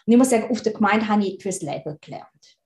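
A Swiss woman in her thirties with a Swiss German accent, a recruiting consultant, chats as a guest in a casual interview. Her medium-pitched, slightly mellow voice is expressive and quick, and she laughs easily and often restarts her sentences. The room has a roomy echo.

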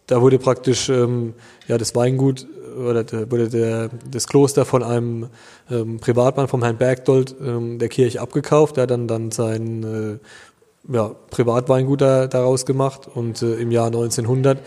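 A man in his thirties from Germany, a winemaker answering interview questions in a relaxed, hesitant way with many fillers. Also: medium pitch, normal speed, big-room sound. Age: 30s.

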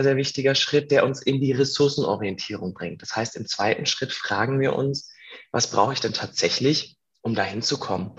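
A man, a coach and stage performer, explaining step by step in a relaxed podcast conversation. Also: mid-range voice, highs cut off. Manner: thoughtful, explains step by step with filler words. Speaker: coach and musical performer, guest.

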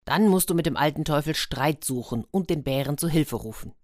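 A woman's voice: low voice, animated, a little fast, darkish tone, dry recording, studio quality. A woman doing a confident bear handler giving advice. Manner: confident, advising. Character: helpful, knowing male bear handler.

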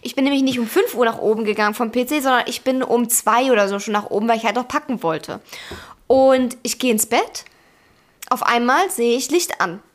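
A woman's voice: a little high, expressive, brisk. A young woman co-hosting a casual podcast with her partner, telling stories with lots of giggling and acted-out dialogue. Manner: giggly storyteller, acts out dialogue. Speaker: podcast co-host. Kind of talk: casual couple chat.

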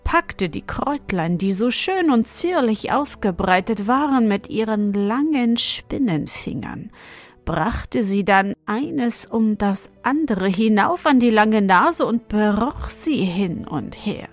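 A woman narrating a fairy tale in a measured, expressive storytelling manner. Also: medium pitch, soft background music. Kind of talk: fairy-tale audiobook reading.

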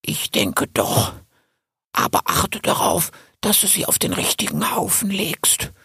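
A man voicing a timid old male salamander in an audiobook, speaking slowly in a breathy, creaky, halting voice that drops to a whisper. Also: high-pitched, big pitch swings, pushed and bright, no room sound, voice pushed up, heavily acted. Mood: nervous. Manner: slow, stammering, partly whispered.

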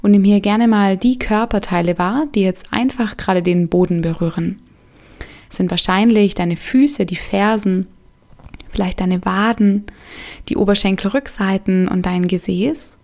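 A woman leading a guided meditation in a soft, soothing way, leaving gentle pauses between phrases. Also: medium pitch, fairly even intonation.

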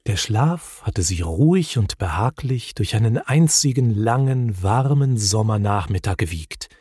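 A man working as a care home receptionist, reading a story aloud in a friendly, expressive way. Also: mid-range voice, slightly rough, no room sound, clean studio sound.

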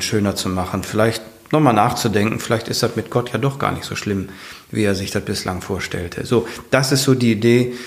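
A man's voice: on the low side, creaky. Earnest rambling middle-aged man. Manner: rambling, many fillers and restarts, earnest. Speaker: guest, firefighter and author. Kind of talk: casual conversational interview.

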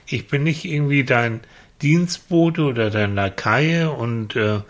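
A man playing a patient, fair-minded friend who calmly lectures and sets limits in a children's puppet comedy. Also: mid-range voice, measured pace, natural voice. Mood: lecturing.

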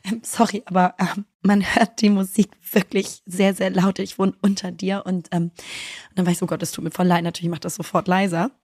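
Animated slangy woman storyteller. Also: mid-range voice, fairly quick, dry recording, studio quality. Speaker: podcast co-host. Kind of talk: casual chat.

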